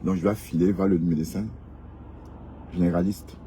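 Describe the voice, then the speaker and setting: A man's voice: low-pitched, steady tone, moderate pace. Teasing man live-streaming from a noisy street. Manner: teasing, joking, repeats words and tags with "hein". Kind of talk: casual live-stream chat to viewers. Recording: outdoor mic with loud street noise. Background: passing cars and street noise.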